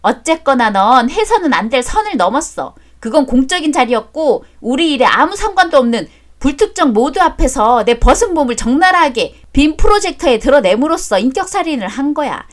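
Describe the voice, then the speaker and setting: A woman performing a scolding, sharp-tongued part in a radio drama. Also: high voice, big pitch swings, brisk, hardly any pauses. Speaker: narrator and voice actor.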